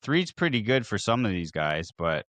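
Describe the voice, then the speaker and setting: A man from Ontario co-hosting a podcast, asking halting questions with lots of fillers. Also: fairly low pitch, sing-song, a bit bright, no room sound. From Hamilton, Ontario. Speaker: podcast co-host. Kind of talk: casual interview.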